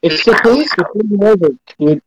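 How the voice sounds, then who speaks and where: A man in a casual voice chat, his voice bent by a voice changer toy, talking loud and excitable over a muffled mic. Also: high-pitched, fairly quick, crowd noise. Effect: voice changer toy distorting his voice. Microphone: muffled online chat microphone.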